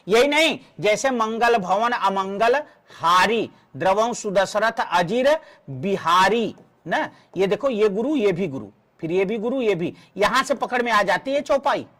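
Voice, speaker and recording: Counting syllables aloud for his students, a man with a high-pitched, fairly bright voice slowly explains verse meter in a Hindi exam-preparation class.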